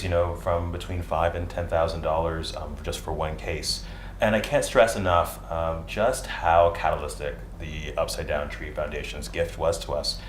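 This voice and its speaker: Very deep-voiced earnest man. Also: reverberant, slight background noise. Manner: earnest, measured, with fillers. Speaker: nonprofit spokesperson. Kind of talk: studio interview. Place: TV studio.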